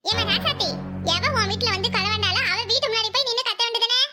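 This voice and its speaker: A woman's voice: very high voice, fast talker, pushed and bright, faint music behind, exaggerated voice. A woman voicing a quarrelsome, sarcastic neighbor woman in a cartoon, with a Kanyakumari Tamil accent. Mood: scolding. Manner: scolding, sarcastic, indignant. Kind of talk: cartoon voice acting.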